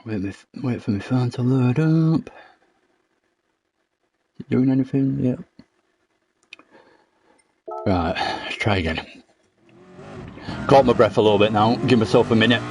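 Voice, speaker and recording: A man's voice: mid-range voice, a little slow, pauses often, a little mellow. Man, out of breath, casual racing game commentary, noisy home recording. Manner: chatty, self-deprecating, explains driving technique. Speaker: sim racing streamer. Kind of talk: casual live commentary over gameplay.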